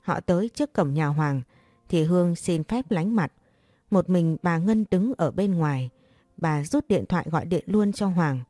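Warm low-voiced woman storyteller. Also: lively intonation, normal speed, no room sound, soft background music. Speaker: narrator. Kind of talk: scripted story narration.

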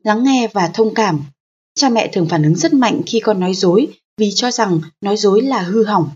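A woman narrating a parenting audiobook in a calm, steady, explanatory manner. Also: mid-range voice, normal speed, husky, dull audio.

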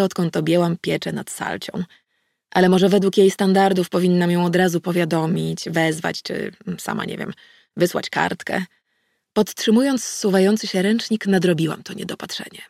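A woman narrating a first-person audiobook in an even, wry storytelling manner. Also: medium pitch, gravelly, no echo, studio quality.

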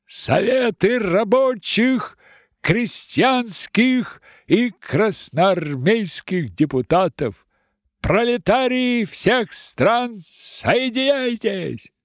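A man putting on a shrill, frantic crowd shouter. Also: sing-song, very slow, vocal fry, dry recording, studio quality, exaggerated voice. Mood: declaiming. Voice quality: thin, ringing, high and strained. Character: shrill crowd voices at a street rally.

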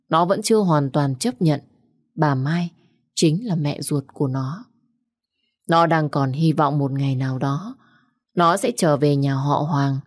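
A woman's voice: low voice, a little mellow, no echo, studio quality. A woman narrating a family drama story steadily. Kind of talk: story narration with acted dialogue.

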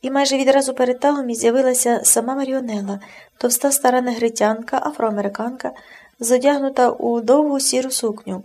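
A woman narrating an audiobook in an expressive, measured reading. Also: sits high.

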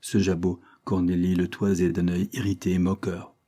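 Brief: male audiobook narrator, low, dark and husky, measured. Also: monotone. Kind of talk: scripted narration.

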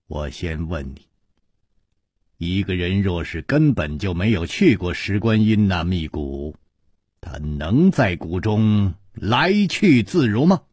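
A male storyteller voicing a calm, shrewd hero who speaks low and measured, with a sneer. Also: slightly rough, dry recording, studio quality, full character voice. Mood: cool.

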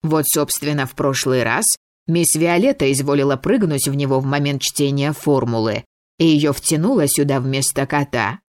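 A woman voicing a fussy old male wizard scholar who lectures slowly and dismissively, in a storybook reading. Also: medium pitch, close to an everyday voice. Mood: lecturing.

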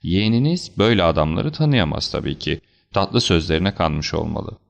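A man doing a cool, deliberate detective. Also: low-pitched, animated, gravelly, full character voice. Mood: measured. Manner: measured, explanatory, slightly stern. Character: calm, assured male detective, cool and deliberate. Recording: slightly dull lo-fi recording.

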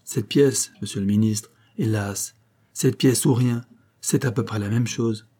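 A man voicing a calm, methodical male police detective in an audiobook, with a measured, explanatory delivery. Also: fairly low pitch, breathy edge. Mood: explaining. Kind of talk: audiobook character reading.

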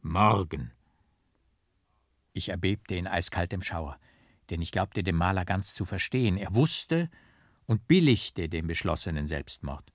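A male audiobook reader narrating with careful emphasis and rhythm. His voice is low-pitched and the delivery very unhurried. The recording is close and dry, with no room sound. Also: no echo. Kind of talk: scripted literary narration.

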